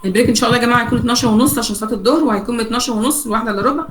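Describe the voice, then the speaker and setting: Egyptian woman teaching english vocab, slow english then fast arabic asides, keeps asking "okay?". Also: a little high, slight background noise, poor audio. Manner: switches between Arabic and English, slow dictated English and rapid Arabic asides; checks on the class with frequent "okay?" and "right?". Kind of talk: classroom lecture.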